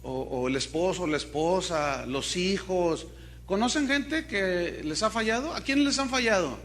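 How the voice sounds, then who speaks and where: A male pastor preaching a sermon, swinging between loud emphasis and hushed storytelling and asking the congregation questions. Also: high-pitched, expressive, a little slow, slight background noise.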